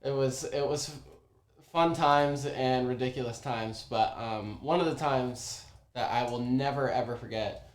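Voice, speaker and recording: A young man casually telling a personal story, animated, with many ums and restarts. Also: mid-range voice, unhurried. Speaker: former oyster bar worker telling a story. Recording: roomy echo.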